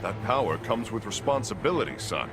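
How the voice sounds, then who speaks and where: A man's voice: on the low side, very animated, brisk. An actor playing an upstanding, fatherly veteran superhero with an American accent and an earnest, principled delivery. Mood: earnest, stern. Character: upstanding veteran superhero speedster, old-fashioned mentor. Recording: loud music under the voice.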